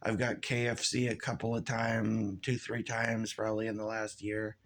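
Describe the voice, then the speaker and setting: A man's voice: on the low side, little pitch movement, normal speed, fairly bright tone. A man ranting casually in a vlog, swearing constantly and rambling with restarts and fillers. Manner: profane, rambling, loose and frustrated. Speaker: vlogger. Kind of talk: casual rant to camera.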